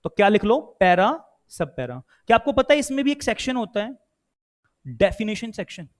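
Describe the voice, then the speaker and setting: A man's voice: sits high, big pitch swings, moderate pace. A man with an Indian accent teaching a law class, quizzing students and mixing Hindi with English. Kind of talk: online class lecture.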